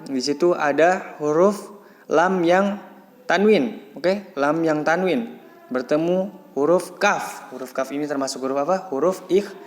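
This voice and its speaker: A man teaching Quran recitation rules patiently, breaking off to chant Arabic words slowly and louder. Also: fairly high pitch, in a large hall. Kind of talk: tajwid lesson, explaining then chanting words.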